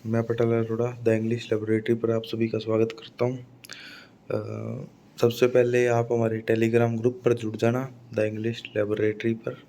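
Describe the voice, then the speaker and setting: A man's voice: mid-range voice, completely flat delivery, normal speed, warm tone, slight background noise. A male English teacher with a Rajasthani Hindi accent, giving an exam-prep phonetics lesson and repeating each word with "है ना" checks. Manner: explains by repeating words and asking "है ना".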